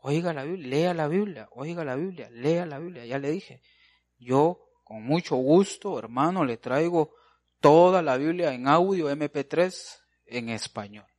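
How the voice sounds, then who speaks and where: A man's voice: a little high, a little slow, darkish tone. A man preaching a folksy sermon, calling listeners brother and answering his own questions.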